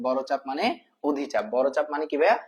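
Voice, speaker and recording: Repetitive math tutor, slightly high. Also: male voice, quick pace, darkish tone. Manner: repeats terms as questions to the viewer, calling them brother. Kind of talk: casual spoken lesson.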